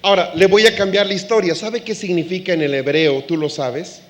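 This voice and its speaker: A man preaching a sermon to a live congregation, animated, acting out quoted voices and laughing along with the audience. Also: high-pitched, fairly quick.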